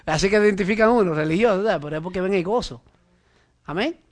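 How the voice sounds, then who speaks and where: Man, high-pitched, conversational preacher, frequent amen asides. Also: fast. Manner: frequent "¿verdad?" and "amén" asides, addresses listener directly. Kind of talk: conversational sermon.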